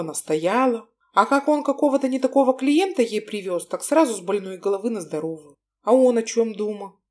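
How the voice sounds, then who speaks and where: Audiobook narrator, woman, mid-pitched, expressive scripted reading.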